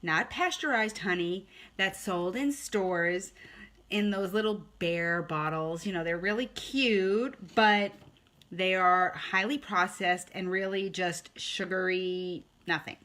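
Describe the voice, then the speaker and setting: A woman's voice: on the low side, slow, fairly bright tone. A woman hosting a casual live-streamed health talk, chatting with viewers and often checking in with "okay?". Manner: chatty, greets viewers by name, frequent "okay?". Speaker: online health host.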